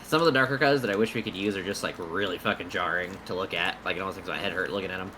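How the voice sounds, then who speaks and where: Man, game master, low voice, slow narration, faint hiss. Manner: slow, deliberate scene narration. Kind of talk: narrating a tabletop game online.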